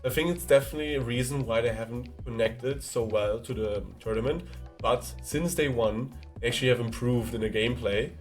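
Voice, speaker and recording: A man hosts a live esports broadcast in an easygoing, chatty way. His voice sits at an ordinary middle pitch, and he often pauses on "um" as he talks. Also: soft background music. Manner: chatty, easygoing, frequent "um" fillers. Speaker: esports caster. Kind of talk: live stream commentary.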